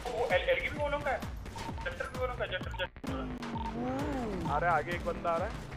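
Male role-player, rapid urgent callouts, high voice, loud music bed. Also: animated. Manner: urgent, calling out during a fight. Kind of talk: in-character role-play chatter.

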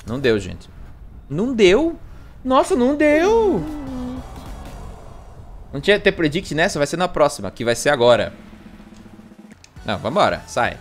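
A man's voice: medium pitch, very animated, a little fast, long pauses, soft background music. Jokey Brazilian streamer man. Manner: rambling, jokey, self-mocking. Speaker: livestreamer. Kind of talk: casual gaming livestream chat.

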